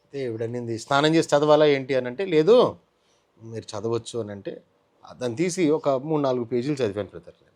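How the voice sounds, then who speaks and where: A man with a Telugu accent giving an emotional testimony in an interview, telling his story in an animated way and acting out what others said. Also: medium pitch, a little fast.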